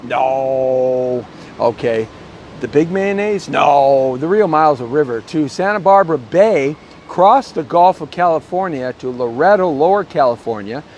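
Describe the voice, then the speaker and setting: A man's voice: fairly high pitch, a little mellow. Chatty middle-aged man on a city street. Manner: chatty, rambling, self-promoting. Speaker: real estate show host. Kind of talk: casual walking vlog. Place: outdoors on a downtown street. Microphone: earbud headset mic, phone at arm's length. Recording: faint street noise outdoors. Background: faint city street and traffic noise.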